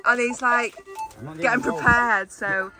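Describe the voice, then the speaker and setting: A woman's voice: on the high side, fairly even intonation, takes it slowly, crowd noise. A woman in her thirties chatting casually and chirpily to her vlog, filmed on a phone at arm's length. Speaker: metal detecting vlogger. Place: outdoors in a grassy field campsite. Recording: noisy handheld outdoor phone recording.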